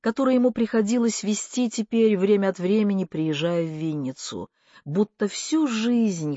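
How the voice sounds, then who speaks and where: Slow, measured audiobook narrator. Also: mid-range voice, warm tone, dry recording, muffled recording. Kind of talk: scripted literary narration.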